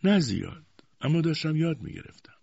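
Man doing a shy weepy young widow, soft and meek, a bit husky, dull dry recording. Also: a little high, big pitch swings, dry recording, pitched above the performer's own voice, exaggerated voice. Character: timid, tearful young widowed mother.

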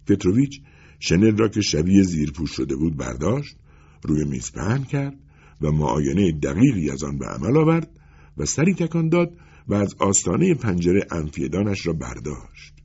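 Gravelly male storybook narrator. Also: low-pitched, very animated, warm tone. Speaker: audiobook narrator. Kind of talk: scripted literary narration. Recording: dull lo-fi recording.

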